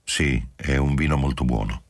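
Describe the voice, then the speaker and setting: A man's voice: extremely low pitch, normal speed, no echo, clean studio sound, pitched below the performer's own voice. A man reading an audiobook voicing a reserved young husband who answers briefly. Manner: short, restrained replies.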